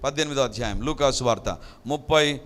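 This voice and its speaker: A man's voice: medium pitch, fairly quick, a bit bright, long reverb tail. A male pastor giving an emphatic sermon, full of rhetorical questions to his listeners and with English phrases mixed in.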